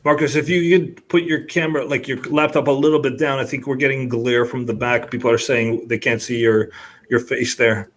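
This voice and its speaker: A man's voice: mid-range voice, steady tone, brisk, a bit bright, a little hiss or hum. A man hosting a podcast over a video call, asking questions in a friendly, upbeat way. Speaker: podcast host. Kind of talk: casual video-call interview.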